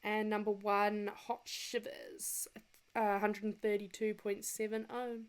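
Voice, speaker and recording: A woman's voice: medium pitch, flat delivery, unhurried, clear, resonant tone. A woman co-hosting a podcast in casual chat, upbeat and listing results. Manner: upbeat, laughs easily, lists results. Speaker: podcast co-host.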